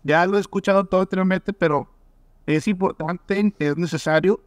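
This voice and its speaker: A man's voice: high voice, moderate pace, dry recording, studio quality. A man taking part in a class, asking a question hesitantly and searching for his words.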